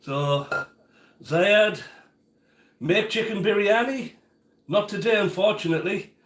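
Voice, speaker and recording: A man's voice: high-pitched, slow pace, fairly bright tone. A man hosting a casual cooking livestream from his home kitchen, chatting and answering viewers by name as he cooks. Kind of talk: casual live-stream chat while cooking. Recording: echoey kitchen room sound.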